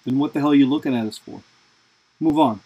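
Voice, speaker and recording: A man putting on his pushy, foul-mouthed father with a Boston accent, gruff and sarcastic, in a told story. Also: medium pitch, fast, dark tone, rough recording. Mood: barking.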